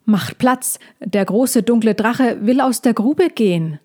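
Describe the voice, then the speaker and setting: A woman voicing an excitable young girl dragon. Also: fairly low pitch, normal speed, close to an everyday voice. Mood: excited. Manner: excited, alarmed.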